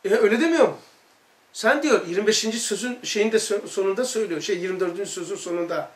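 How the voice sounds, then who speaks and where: A man teaching a religious study circle in a loose, conversational way, leaning on rhetorical questions and repeated lists. His voice sits high for a man. The room adds a clear echo around him. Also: quick pace. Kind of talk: informal religious lesson. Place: study hall. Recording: echoey room.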